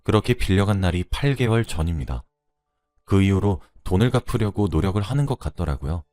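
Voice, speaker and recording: A man reading a first-person story aloud in a conversational, lively way. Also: deep voice, a little fast, no echo, clean studio sound, faint music behind.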